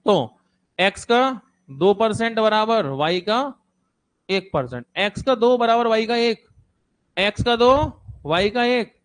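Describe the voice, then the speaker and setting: A man with a high voice teaches a maths lesson to a class in front of him. He repeats each number and step aloud and keeps checking that the students are following. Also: expressive, slow, long pauses.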